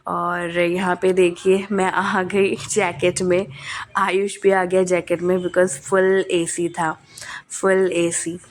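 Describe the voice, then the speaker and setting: A woman's voice: on the low side, little pitch movement, slow, slight background noise. A young adult woman with a cold, narrating a family vlog in casual chat, with many hesitant fillers. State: coughing, has a cold. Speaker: family vlogger.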